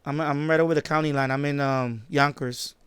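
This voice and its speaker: Here the Bronx-raised, Puerto Rico-born host, a fifty-year-old radio hobbyist with a New York accent, speaks a little high in a steady, brisk, fairly bright and smooth voice. The recording is dry, made in his home basement during a live stream. He rambles informally and repeats himself a lot.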